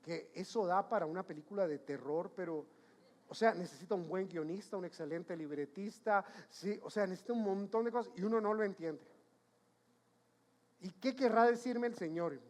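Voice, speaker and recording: A man's voice: high-pitched, moderate pace, darkish tone. A man preaching a sermon as pastor, emphatic, repeating his points and questioning the congregation.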